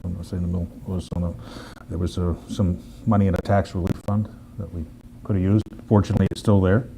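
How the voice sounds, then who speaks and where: A city councilman adds a quick, matter-of-fact point at a candidate forum. His voice is very deep and he talks fast. Noticeable room noise runs underneath. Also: little pitch movement, vocal fry.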